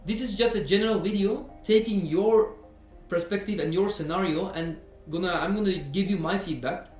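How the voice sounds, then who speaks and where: A man's voice: sits high, normal speed, darkish tone, roomy sound, faint music behind. A man, a personal trainer talking earnestly in a fitness vlog, repeating himself and saying "you know" often. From Norway. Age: 20s.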